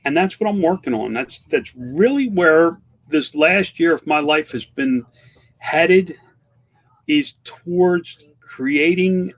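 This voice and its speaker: A man's voice: on the high side, animated, takes it slowly. A man in his fifties chatting candidly on a livestream, rambling through restarts and fillers while answering viewer comments. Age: 50s. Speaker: online seller and livestream host. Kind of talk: casual livestream chat reading viewer comments.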